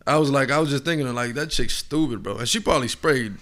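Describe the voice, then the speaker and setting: A man's voice: medium pitch, fast talker, crowd noise. A man co-hosting a podcast in casual, slangy frat-bro banter. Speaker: podcast co-host.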